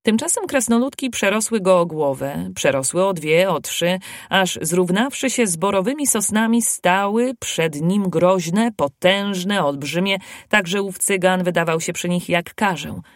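A narrator reading a fairy tale aloud in a measured, expressive way. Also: mid-range voice, no room sound, studio quality. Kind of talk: storybook reading.

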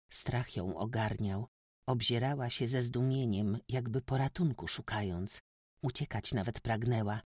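A man reading a classic novel aloud as an audiobook narrator, in a steady, measured storytelling manner. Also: fairly low pitch, dry recording, studio quality.

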